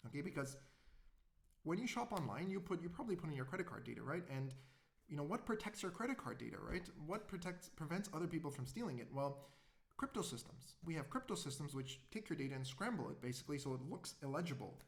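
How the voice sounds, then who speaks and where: A man's voice: a little high, big pitch swings, quick pace, creaky. A man giving a public introductory lecture in a conversational way, often asking the audience rhetorical questions.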